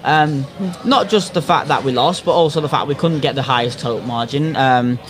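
A man's voice: medium pitch, normal speed, crowd noise. A man hosting a casual football podcast chat in an opinionated, sweary way. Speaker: podcast host.

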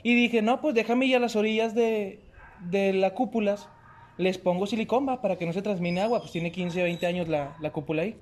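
An animated young man with a Mexican accent tells a wild story among friends, his voice pitched high for a man. He spins it in loose, slangy talk and jumps into the shouts of the people in it. A faint hiss sits under the recording. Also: moderate pace. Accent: Mexican Spanish. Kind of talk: casual storytelling.

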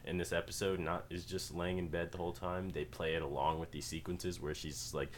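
A man's voice: deep voice, flat delivery, a little fast, over a noisy crowd. A man co-hosting a podcast in casual chat, talking loosely with many fillers and frequent laughs. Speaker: podcast co-host.

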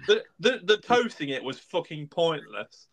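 A man co-hosting a podcast in casual chat. His voice sits fairly high for a man. He is sarcastic and swears freely. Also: sing-song, unhurried, a bit bright. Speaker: guest co-host.

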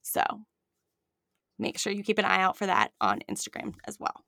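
Bright, chatty woman podcaster. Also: mid-range voice, big pitch swings, moderate pace, creaky, no room sound, studio quality. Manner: chatty, teasing, upbeat sign-off. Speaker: podcast co-host and producer. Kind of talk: casual podcast chat.

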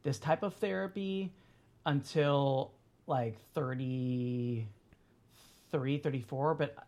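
Speaking slowly in a mid-range, slightly mellow voice, a thirty-something podcast guest talks informally. His talk wanders, full of fillers and false starts.

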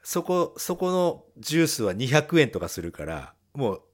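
A man with a medium-pitched voice speaks at a moderate pace while co-hosting a podcast. He tells animated stories in a casual chat and laughs often.

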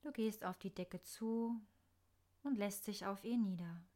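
Soft and soothing, a woman's mid-range voice unhurriedly leads a scripted guided meditation, pausing along the way.

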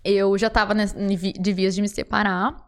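A Brazilian woman shop owner with a Brazilian Portuguese accent, telling her story in a casual interview and acting out past conversations with lively energy. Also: medium pitch. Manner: lively, talks fast, acts out her own past dialogue.

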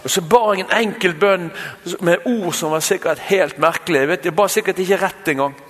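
A man's voice: high-pitched, fairly bright tone, a little hiss or hum. A man with a Bergen Norwegian accent, a conference speaker giving a sermon built on a personal testimony. He tells his story directly to the audience, with frequent asides. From Bergen, Norway. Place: large meeting hall. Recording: long hall reverb.

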